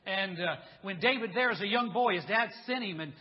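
A man preaching a church sermon, joking folksily with his congregation and building to loud, intense preaching. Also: sits high, a little fast. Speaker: pastor. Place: church sanctuary. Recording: dull, reverberant church recording.

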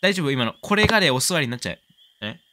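A man doing casual let's-play commentary, excitable, exclaiming often and cooing at the pet. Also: mid-range voice, rapid-fire, very noisy. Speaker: game commentator.

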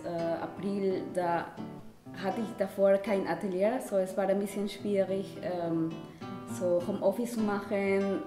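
A woman painter chatting in an interview, halting with many fillers. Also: mid-range voice. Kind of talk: casual interview chat. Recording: roomy room with music behind.

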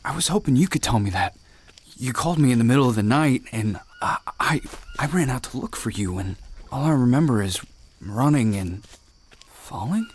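A man's voice: medium pitch, animated, moderate pace, husky. An actor voicing a confused man stranded in the jungle in a video game, talking urgently with someone over a radio. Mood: shaken. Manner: shaken, urgent, searching.

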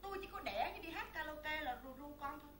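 A sharp-tongued, brash wife and mother, acted by a woman in a comedy sketch. She fires back quickly in a high, bright, cutting voice. The recording sounds echoey. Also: animated, a little hiss or hum. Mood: defiant. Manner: brash, talks back fast. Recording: echoey room.

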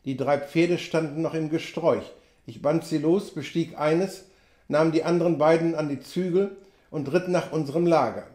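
German man reading an audiobook, high voice. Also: steady tone, moderate pace, dark tone. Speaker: audiobook reader. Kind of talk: audiobook narration of a classic adventure novel. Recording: roomy echo.

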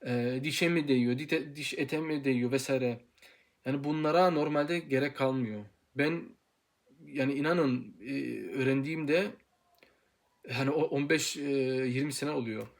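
An earnest young man in his twenties gives an informal pronunciation lesson, drilling syllables one by one. His voice sits at an ordinary middle pitch, and he talks with frequent pauses and restarts as he works through his points. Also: vocal fry. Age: 20s. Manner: hesitant with many pauses and fillers. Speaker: Quran recitation teacher.

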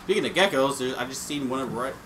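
A man's voice: mid-range voice, quick pace, soft background music. A young man co-hosting a let's play, chatting casually and laughing as he plays. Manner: lively, excitable, laughs often. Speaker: let's play co-host playing the game. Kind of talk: casual gaming chat.

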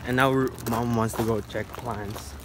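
A teenage boy vlogging casually on a phone camera, offhand and lively, at a farm and in a busy restaurant. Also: medium pitch, moderate pace. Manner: lively, offhand, self-conscious about filming in public. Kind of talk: casual vlog narration. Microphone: handheld phone camera. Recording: loud background noise.

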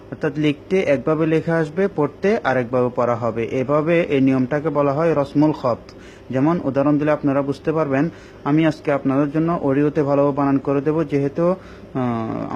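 A man teaching Quran reading in a recorded online class, explaining each rule slowly and drawing out the recited words for his students. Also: mid-range voice, darkish tone, lo-fi sound, a little hiss or hum.

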